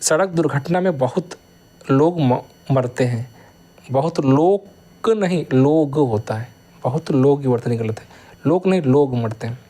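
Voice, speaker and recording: A man teaching grammar, reading each sentence aloud slowly and then explaining the correction in quick bursts. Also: medium pitch, mellow.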